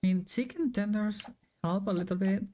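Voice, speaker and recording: A woman game streamer reads visual novel dialogue aloud and chats about it while playing, with game music behind her. Her voice is mellow, medium-pitched, and moderately paced.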